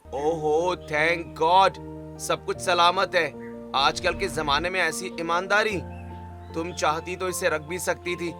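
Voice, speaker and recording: A man's voice: on the high side, steady tone, slow pace, music in the background. A man playing a kindly store owner. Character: kind male pizza store owner.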